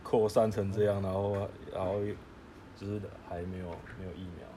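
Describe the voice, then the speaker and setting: Man, Taiwanese accent, low voice, casual podcast co-host, halting repeated words, light background noise. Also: level tone, dark tone. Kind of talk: casual chat.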